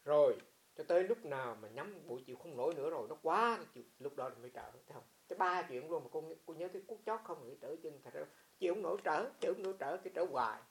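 A man's voice: fairly high pitch, fast talker. A monk with a Huế accent giving an informal meditation talk, telling stories and asking his listeners rhetorical questions. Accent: Huế Vietnamese. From Huế, central Vietnam. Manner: animated storytelling, frequent rhetorical questions. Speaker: Buddhist monk teaching meditation. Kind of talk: informal dharma talk answering a student.

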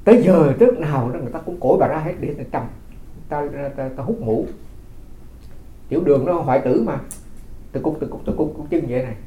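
Brief: male Buddhist monk from Vietnam, slightly high voice, casual storytelling sermon, roomy echoey hall. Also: animated, fast, pauses often, phone-quality sound. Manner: folksy storytelling, repeats words, chuckles. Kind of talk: dharma talk.

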